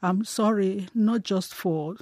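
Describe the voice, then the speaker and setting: A Nigerian woman, a human rights defender, speaking earnestly and in pain, in measured phrases. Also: medium pitch, darkish tone, no echo, studio quality. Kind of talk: emotional radio call-in comment.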